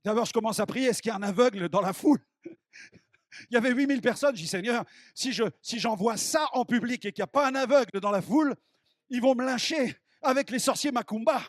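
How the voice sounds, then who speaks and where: A man preaching an evangelistic sermon, telling stories with acted-out dialogue and building to emphatic shouted peaks. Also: very high-pitched, fairly quick, no room sound, studio quality. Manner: acts out dialogue in his stories.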